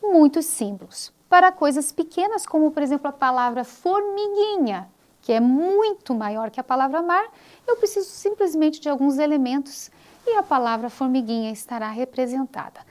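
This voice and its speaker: A woman teacher giving a recorded online course lecture, explaining step by step and slowing down to stress example words. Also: high-pitched, expressive, a little mellow.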